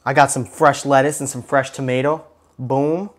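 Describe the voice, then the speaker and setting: Working in a home kitchen, a cooking show host in his thirties runs a relaxed demo, cracking jokes to the camera while he cooks. He speaks in a mid-range voice with a level tone at a normal pace.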